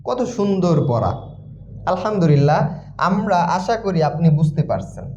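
A man's voice: fairly high pitch, big pitch swings, mellow, reverberant, dull audio, a little hiss or hum. A man teaching Quran reading, patiently spelling out letters and syllables and answering his own questions. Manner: patient, repeats syllables slowly, asks and answers himself. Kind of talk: recitation lesson, spelling out letters.

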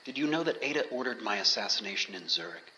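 An actor playing an intense, mystical male sculptor and researcher who talks slowly, at times in a near-whisper. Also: on the low side, expressive, pushed and bright, low-quality recording. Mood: cold. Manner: slow, intense, half-whispered. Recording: crowd murmur behind.

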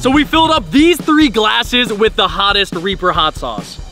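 A man's voice: high-pitched, very animated, moderate pace, pushed and bright. A young man announcing the rules of each challenge level and egging his brothers on. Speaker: challenge video host. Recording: echoey room, mic at a distance, music behind.

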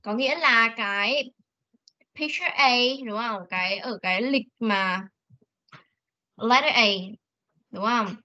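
A woman teaching an online English class, drawing out model words slowly for pupils to repeat. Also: on the high side, pushed and bright. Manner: slow drawn-out model words for repetition, coaxing. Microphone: video call. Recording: lo-fi video call audio.

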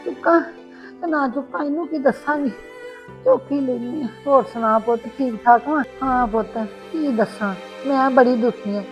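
A woman's voice: sits high, moderate pace, close to an everyday voice. A woman playing a middle-aged Punjabi aunty, an aggrieved, plaintive mother-in-law in an amateur family drama. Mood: aggrieved complaining. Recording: dull lo-fi sound with background music.

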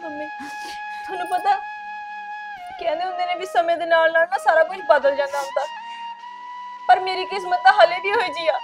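A woman's voice: very high-pitched, brisk, pauses often, music in the background. A young woman playing the heartbroken wife of an addict, crying as she speaks. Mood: sobbing. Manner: sobbing, despairing complaints.

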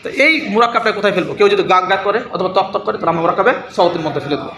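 A man's voice: high-pitched, rapid-fire, reverberant, a crowd in the background. A man teaching Arabic grammar in a classroom lesson, repeating points, mimicking sounds and checking that his students follow. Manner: repetitive, checks students' understanding.

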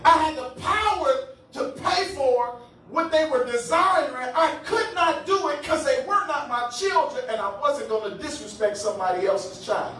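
A man preaching a lively sermon as pastor, calling on his congregation, often laughing and breaking into shouts. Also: very high voice, normal speed, slight background noise. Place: church sanctuary. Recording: echoey hall, voice from far off.

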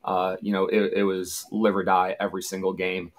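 A man's voice: low-pitched, flat delivery, moderate pace. A man in his thirties, a former college football punter, telling easygoing anecdotes in a casual interview. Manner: easygoing, anecdotal, acts out quoted shouts.

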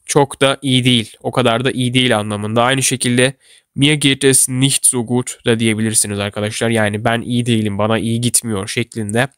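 A man walks learners through everyday German phrases. His voice sits at an ordinary middle pitch. The recording is dry and close, with no room echo, and he says each model phrase slowly and carefully. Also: fairly even intonation, a bit bright, smooth. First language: Turkish. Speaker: German language teacher. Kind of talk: instructional explanation for learners.

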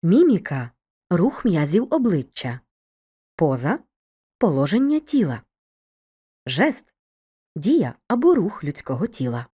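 A woman narrating a scripted educational video lesson, speaking to the student in a clear, measured way. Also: on the low side, sing-song, warm tone.

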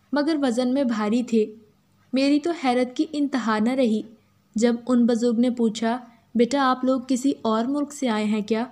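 A woman with an Urdu accent reading a first-person story as a steady, even narrator. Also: fairly high pitch.

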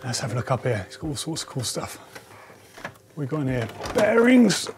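A man's voice: medium pitch, very animated, a little fast, background noise. A man in his forties, chatting enthusiastically as he tours a bike workshop and thinks aloud. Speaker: presenter. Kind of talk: casual workshop tour. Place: indoor bike workshop shed.

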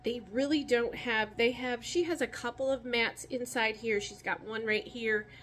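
Woman from Michigan, bright tone, chatty outdoor vlog, rambling delivery, faint background ambience. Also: a little high, steady tone, moderate pace, slight background noise. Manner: rambling, many ums and restarts. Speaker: rabbit keeper vlogger. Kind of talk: casual talk while handling rabbits. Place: outdoors by a rabbit colony pen.

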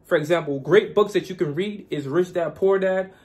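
A man's voice: high voice, normal speed, a little mellow. Hyped young man from Guyana. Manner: repetitive, hyped, preachy. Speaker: vlogger. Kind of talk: casual motivational vlog.

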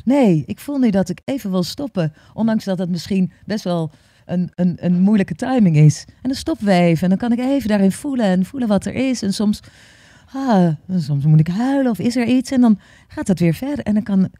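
Woman yoga teacher as podcast guest; earnest, halting, repeats words; warm and dry. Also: medium pitch, lively intonation, no room sound. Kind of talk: open conversational interview.

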